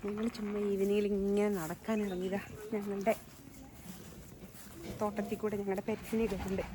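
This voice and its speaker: A woman's voice: medium pitch, flat delivery, brisk, background noise. A woman hosting a casual walking vlog outdoors in her garden, talking into a handheld phone and coaxing her pets in baby talk. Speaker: vlog host.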